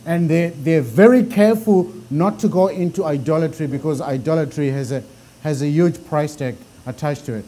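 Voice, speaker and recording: A middle-aged man with a deep Zimbabwean accent leads a Bible class conversationally, often repeating words as he thinks. He speaks at normal speed with a dark tone.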